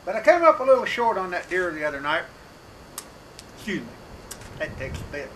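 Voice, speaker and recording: High-voiced deadpan folksy hunting man. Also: brisk. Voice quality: slightly hoarse. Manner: folksy rural drawl, rambling, deadpan. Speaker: comedic hunting show host. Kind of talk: deadpan comedy monologue. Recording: outdoor wind and noise on mic.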